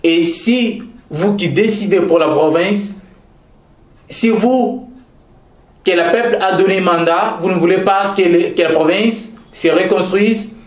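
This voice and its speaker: A Congolese man from Kasaï-Central, DR Congo, speaks with a Congolese French accent in a high, slightly slow voice. He is being interviewed about provincial politics, giving formal, earnest public commentary, often repeating key phrases and hesitating. The room is echoey.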